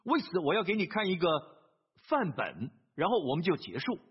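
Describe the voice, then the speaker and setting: A man's voice: high voice, huge pitch swings, a little fast, a little hiss or hum. A man preaching a sermon, telling a story earnestly, with hesitant fillers and repeated phrases. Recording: dull lo-fi sermon recording.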